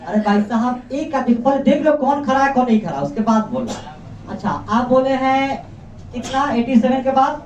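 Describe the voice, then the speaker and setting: A man's voice: very high voice, animated, moderate pace, a little mellow. A man teaching a class, quizzing students and firmly repeating each of their answers back to them. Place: classroom indoors. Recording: echoey, distant, dull classroom recording.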